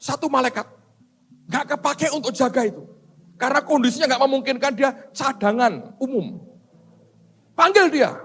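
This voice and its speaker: A man's voice: very high voice, animated, normal speed, long pauses, a bit bright, slightly rough, in a large hall, pitched above the performer's own voice, heavily acted. A man doing Gabriel, an eager dutiful angel. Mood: explaining.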